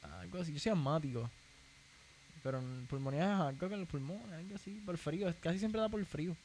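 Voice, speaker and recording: A man's voice: fairly high pitch, a little fast, slight background noise. A young man with a Puerto Rican accent, telling stories in a casual podcast chat, full of slang and the word "papi". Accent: Puerto Rican Spanish. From Puerto Rico. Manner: animated storytelling, slangy, keeps saying "papi".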